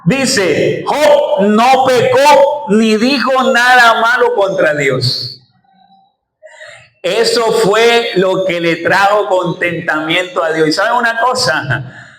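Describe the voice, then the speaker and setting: Pastor, man, high tenor register, fervent sermon delivery, echoey church recording. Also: slow, fairly bright tone. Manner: preaching, calls congregation to repeat after him.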